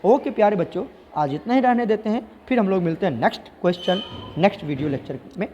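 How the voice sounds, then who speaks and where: A man's voice: sits high, lively intonation, fast, warm tone, a little hiss or hum. A man teaching chemistry who asks his students questions, answers them himself and repeats the key terms. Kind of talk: explanatory lesson. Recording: dull audio with long hall reverb.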